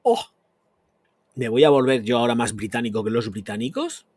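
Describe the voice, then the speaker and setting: A man's voice: mid-range voice, sing-song, normal speed, a little mellow, dry recording. A man, a perfume channel host answering chat comments on a live stream in a blunt, crude, emphatic rant.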